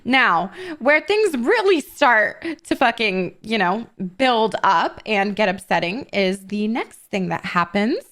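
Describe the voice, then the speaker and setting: A young woman telling a story in character during a roleplay stream, animated and swearing, building to indignant outbursts. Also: medium pitch, slow, few pauses.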